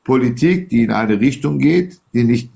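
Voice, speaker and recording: A man with a gravelly, creaky voice talks politics as a guest on a show. He speaks at a middle pitch, and his delivery is emphatic and rambling, one clause running into the next. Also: animated, normal speed, dark tone. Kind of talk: heated political talk.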